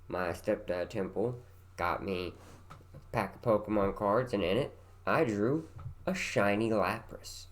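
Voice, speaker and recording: A tired man in his thirties talks casually to the camera in a light West Virginia country accent. He rambles and meanders, pokes fun at himself, and drifts into repeating his words. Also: deep voice. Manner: meandering and self-deprecating, trails off into repeated words. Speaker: vlogger.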